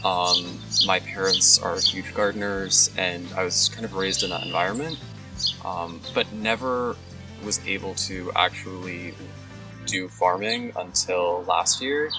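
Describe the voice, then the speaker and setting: Young man, deep voice, distant mic. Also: expressive, a little slow, creaky. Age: young adult. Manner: casual, with many "um" fillers. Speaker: farm worker. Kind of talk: documentary interview. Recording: distant mic with loud music.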